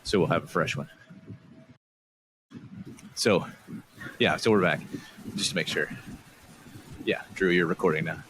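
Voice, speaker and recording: A man's voice: deep voice, measured pace, pauses often, fairly bright tone. A man hosting a casual podcast chat, easygoing and rambling, often laughing. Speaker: podcast host. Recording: noisy recording.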